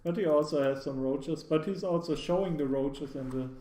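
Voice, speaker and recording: A man's voice: a little high, moderate pace, dark tone. A man doing casual live commentary on a video game match, talking in a loose, hedging way full of "like" and restarts. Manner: hedging, filler-heavy analysis with frequent "like" and restarts. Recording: echoey room, faint background noise.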